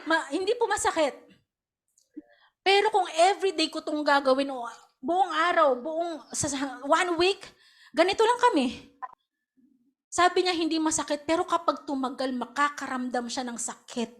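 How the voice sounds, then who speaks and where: A woman pastor with a Filipino accent preaches in lively Taglish. Her voice sits high. She drops into acted quotes of other people as she goes. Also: moderate pace. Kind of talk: sermon.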